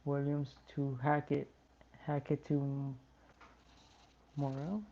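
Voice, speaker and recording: Tired fan commentator for a live stream, slow and flat, muffled audio. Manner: tired, yawning, slow and low-key. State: sleepy. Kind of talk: live watch-along commentary.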